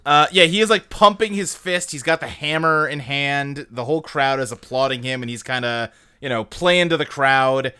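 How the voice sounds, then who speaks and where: A man co-hosting a casual movie podcast, talking in an animated, rambling way full of "like.". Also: medium pitch, normal speed, few pauses, clear, resonant tone. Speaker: podcast co-host.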